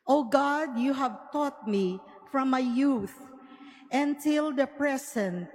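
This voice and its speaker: A woman's voice: high-pitched, slow, a little mellow. A woman reads a psalm solemnly as lector, in short separated phrases in a cathedral. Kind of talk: solemn liturgical psalm reading. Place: large cathedral, microphone through sound system. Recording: cathedral reverb, faint background noise.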